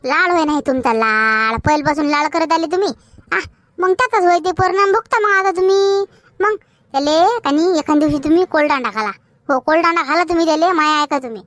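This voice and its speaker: Woman doing a naggy mom from vidarbha, super high piercing voice, dry close sound. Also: fairly quick, fairly bright tone, no echo. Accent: Vidarbha Marathi. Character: scolding village mother of an unruly son. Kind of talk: comedy skit.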